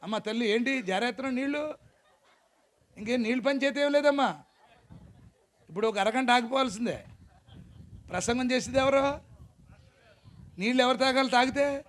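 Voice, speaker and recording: A man preaching a lively, joking sermon as pastor to a congregation in a church hall, urging the crowd to shout. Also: very high voice, moderate pace, pauses often.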